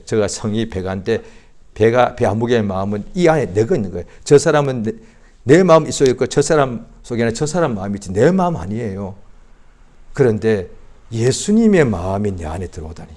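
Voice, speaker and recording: Preaching at a Friday prayer meeting, a medium-pitched male pastor moves from booming surges to quiet drops, repeating phrases to drive his points home.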